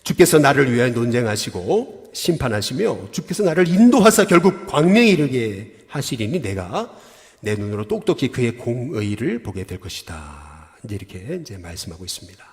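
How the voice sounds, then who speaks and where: A man's voice: mid-range voice, big pitch swings, moderate pace. A man, a senior pastor, preaching a sermon in a church and asking his congregation questions. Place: church sanctuary. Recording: long church hall reverb.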